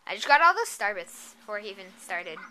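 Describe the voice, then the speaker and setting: A woman's voice: medium pitch, sing-song, fairly quick, noisy background. A young woman casually commenting on a video game she is playing as player one, chatty and giggly. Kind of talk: casual let's-play commentary. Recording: game music behind.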